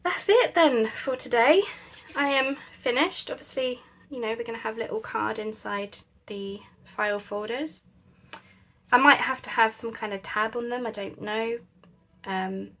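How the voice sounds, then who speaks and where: Casting note: woman, crafting host, relaxed rambling chat with a gravelly edge and faint background noise. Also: on the high side, unhurried. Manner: chatty, thinks aloud with many fillers.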